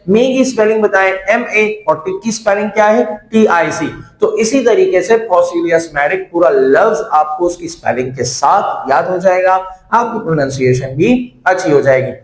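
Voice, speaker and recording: A man teaching an English spelling lesson, explaining slowly and drawing out his examples. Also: high voice. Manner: slow, explanatory, drawn-out examples. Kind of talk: classroom-style spelling lesson. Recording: echoey room.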